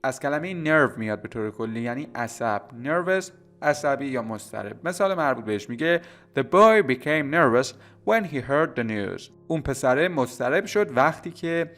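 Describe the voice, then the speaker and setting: A man teaching English vocabulary. He reads the English examples slowly and carefully, then explains them quickly. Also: mid-range voice, fairly bright tone. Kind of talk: vocabulary lesson with translation.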